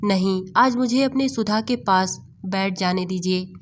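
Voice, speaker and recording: A woman's voice: mid-range voice, measured pace, a little hiss or hum, lightly acted. Woman reading as a weeping, pleading husband. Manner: tearful, pleading repetition. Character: grieving middle-aged husband, pleading.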